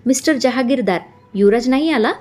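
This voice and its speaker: A woman's voice: fairly high pitch, a little fast, darkish tone, soft background music, pitched above the performer's own voice, natural voice. Woman voicing a polite middle-aged business guy, friendly host, storybook style.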